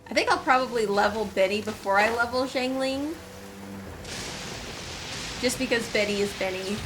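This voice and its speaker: A game streamer with a slightly high voice speaks at normal speed while playing, giving casual live commentary. She chats both to herself and to her viewers, with game music and other background noise audible.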